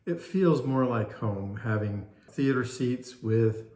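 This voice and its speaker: A man's voice: mid-range voice, expressive, slow pace, a little mellow. An older man chatting casually, answering in brief, hesitant, agreeable phrases. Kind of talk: casual chat. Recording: roomy, echoey indoor sound.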